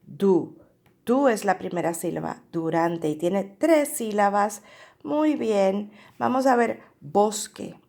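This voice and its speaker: A woman's voice: medium pitch, creaky. A woman teacher reading a picture book aloud to young children, stretching out words and counting their syllables. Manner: slow, drawn-out syllable drilling with animated read-aloud emphasis.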